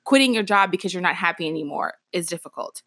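A woman hosting her own podcast in a casual, reflective way, talking with a slightly rough morning voice and lots of fillers. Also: on the low side, animated, quick pace, a bit bright, no echo, clean studio sound. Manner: conversational, reflective, many fillers and restarts. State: morning voice, clearing her throat. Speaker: podcast host. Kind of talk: casual solo podcast talk.

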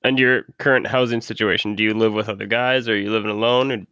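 A man's voice: on the low side, fairly even intonation, fast, sharp tone, clean tone, no echo, clean studio sound. A man from Minnesota hosting a casual interview, asking questions in a laid-back way. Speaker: host.

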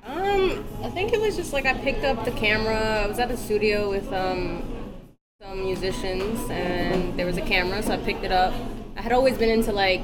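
A woman's voice: mid-range voice, normal speed. A woman from Queens with a New York accent, chatting casually as a guest in an interview. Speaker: podcast guest, freelance photographer and filmmaker. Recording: loud music behind the talk. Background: loud music.

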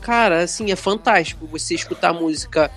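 Man, very high-pitched voice, earnest casual explaining. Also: fairly quick, a bit bright, faint music behind. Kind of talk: casual film discussion.

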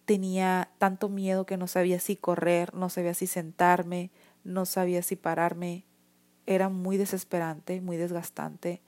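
A woman's voice: lowish voice, level tone, measured pace, darkish tone. A woman with a Mexican accent telling her own story to camera in an earnest, emotional way, often restarting her sentences. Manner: earnest and emotional, many restarts and "o sea" fillers. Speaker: vlogger sharing her experience. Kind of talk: personal testimony talk to camera.

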